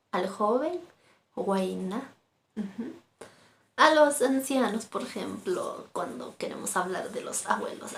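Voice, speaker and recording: A woman's voice: medium pitch, a little hiss or hum. A woman teaching a vocabulary lesson, patiently repeating each word and ending phrases with a questioning tag. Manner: patient, repeats words, adds "¿no?" tags. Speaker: Aymara language teacher.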